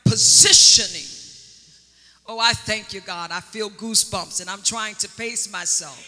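A woman's voice: medium pitch, steady tone, pushed and bright, soft background music. A woman preaching a sermon as a prophetess, stretching key words with dramatic emphasis and calling on the congregation to answer. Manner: dramatic drawn-out emphasis, call-and-response. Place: church sanctuary. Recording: long church hall reverb.

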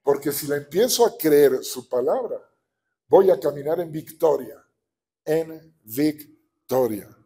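A man with a Mexican accent preaching a sermon as a pastor, animated and often asking the congregation for agreement. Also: on the high side, moderate pace. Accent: Mexican Spanish.

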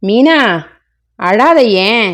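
A woman's voice: a little high, animated, drawn-out words, a bit bright, exaggerated voice. A woman voicing a middle-aged husband who pleads and tries to soothe his crying wife. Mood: pleading.

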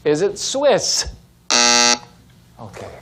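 A man's voice: mid-range voice, very animated, drawn-out words. A man hosting a television game show in a studio, chatty and encouraging. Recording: noisy studio broadcast with loud audience.

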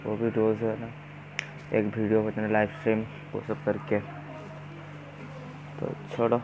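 A man's voice: fairly low pitch, measured pace, dull audio, background noise. A man streaming a mobile battle game live, talking to viewers and urgently calling out instructions to his teammates. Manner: excited, shouts instructions to teammates. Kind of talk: live gameplay commentary.

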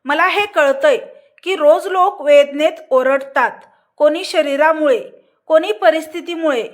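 A woman plays a young nurse from a storybook who speaks in a steady, direct way. Her voice is high and her delivery slow. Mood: firm.

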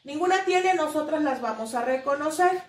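A Mexican woman teaching a primary school class online, drawing out words slowly to mark the stressed syllable. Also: sits high, animated. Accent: Mexican Spanish. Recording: echoey room, voice a little far from the mic.

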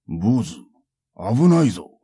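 A man voicing a proud, hot-tempered middle-aged samurai with a gruff, barking manner. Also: lowish voice, big pitch swings, slow pace, no room sound, clean studio sound, full character voice. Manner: gruff, barking, explosive shouts.

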